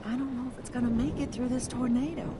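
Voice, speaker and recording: A woman's voice: on the high side, steady tone, fast talker, heavy background noise, close to an everyday voice. An actress playing a middle-aged, motherly, bossy but compassionate woman in a dramatic game. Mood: concerned, brisk.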